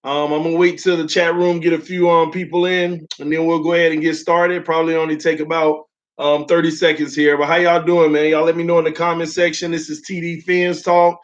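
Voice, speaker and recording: Still recovering from an illness that left his voice sore, this young man chats casually on a sports fan livestream, reading viewer comments a little fast in a voice on the high side with little pitch movement. He's loose, full of "um" fillers, and addresses viewers as "man" and "y'all," over dull lo-fi audio.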